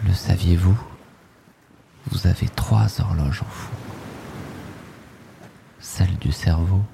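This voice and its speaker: Speaking low and gravelly, a man leads a sleep meditation with a steady tone, letting short, soothing phrases drift at a very unhurried pace. His soft voice frequently falls toward a breathy whisper, over a little hiss or hum.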